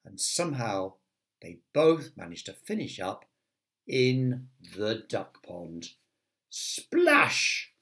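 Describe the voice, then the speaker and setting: A man's voice: lowish voice, big pitch swings, slow. A man who teaches primary school, reading a children's story aloud with chatty asides to the young listeners.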